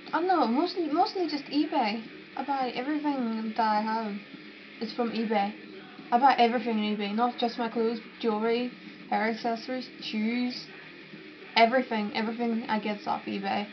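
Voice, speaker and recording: A young Northern Irish woman with a Northern Irish accent chats casually to camera, answering viewer questions in a rambling way full of fillers and restarts. Her voice is fairly high with a steady tone at normal speed, and the lo-fi recording sounds dull, with noticeable background noise.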